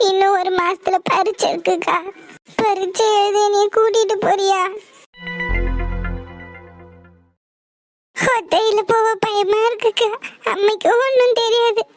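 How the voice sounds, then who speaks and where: A woman's voice: very high-pitched, fairly even intonation, moderate pace, voice pushed up. A woman voicing a timid, crying schoolgirl younger sister. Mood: tearful.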